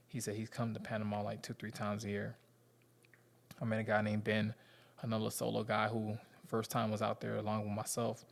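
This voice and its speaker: A man's voice: on the low side, gravelly. A man in his thirties with a Southern US accent, talking candidly and rambling to his viewers in slangy casual speech. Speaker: vlogger.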